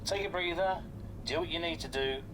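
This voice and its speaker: A man voicing a racing team boss who guides a rookie driver in a brisk, friendly, instructing manner. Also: on the high side, close to an everyday voice. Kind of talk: video game cutscene dialogue. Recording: game audio with clear background noise.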